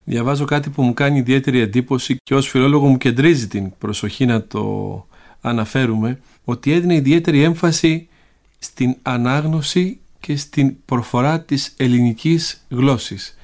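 A man asking questions in a reflective interview, speaking in measured, formal phrases. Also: mid-range voice, a little mellow.

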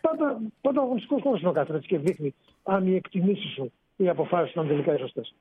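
A man, a sports reporter phoning in to a radio show, explaining in an animated way. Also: high-pitched, breathy edge, no room sound. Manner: explanatory, animated, rising emphasis. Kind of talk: sports radio phone-in analysis. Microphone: phone. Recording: tinny phone line on radio.

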